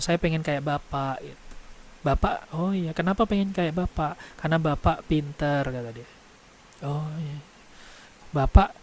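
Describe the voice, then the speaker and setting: A man giving a parenting seminar, telling stories to the audience in an animated way. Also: fairly high pitch. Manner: animated storytelling, addresses audience as "Bu". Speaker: parenting trainer.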